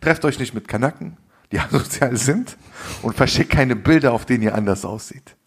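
A man telling a story casually on a podcast in heavy street slang, animated and full of asides. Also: mid-range voice, brisk, gravelly, slightly rough. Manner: slangy, animated storyteller, says "Alter" a lot. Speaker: podcast co-host.

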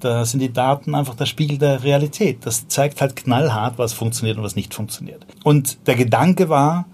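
A Viennese-accented startup founder in his forties guests on a podcast, telling stories casually in a loose, slangy way packed with fillers and restarts. His medium-pitched voice is a little mellow with a breathy edge.

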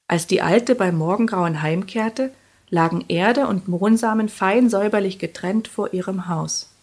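A woman narrating a fairy tale in a calm, measured storybook reading. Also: medium pitch, slightly rough.

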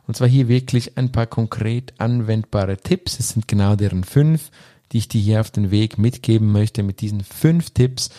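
A man's voice: fairly low pitch, mellow. A man hosting a coaching podcast, talking straight to the listener in an earnest, emphatic way. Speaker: podcast host and lecturer.

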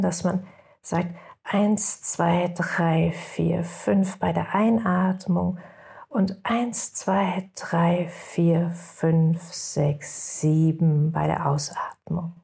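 A woman leading a guided meditation in a slow, soothing way, at times dropping into soft whispers. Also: on the low side, vocal fry.

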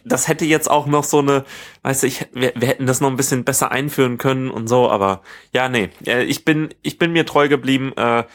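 A man co-hosting a casual tech podcast in a living room, rambling and often correcting himself mid-sentence. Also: medium pitch. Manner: rambling, halting, self-correcting. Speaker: podcast co-host.

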